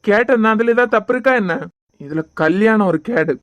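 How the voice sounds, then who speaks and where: Speaking with a Kanyakumari Tamil accent, a voice actor plays a cartoon's young father who is gentle but stubborn, soothing and hurt while shrugging off his injury. The mid-range voice sounds natural, at normal speed and without echo.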